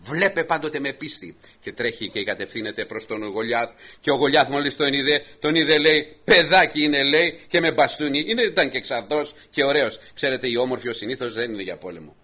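A male preacher giving a sermon who tells a story with lively delivery and talks straight to his congregation. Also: mid-range voice, hardly any pauses.

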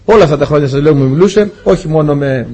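A man's voice: a little high, dark tone. A man preaching a testimony sermon, telling his story earnestly and often turning to address the congregation as dear brothers.

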